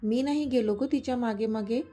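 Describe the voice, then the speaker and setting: A woman's voice: fairly high pitch, brisk, dark tone, lightly acted. A woman voicing a playful, teasing young man, the romantic lead of a spoken story.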